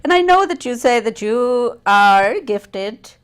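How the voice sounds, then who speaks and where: A woman hosting an interview, encouraging and quick, with an Indian English accent. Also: fairly high pitch, lively intonation, clear, resonant tone. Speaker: interview host. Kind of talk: casual interview.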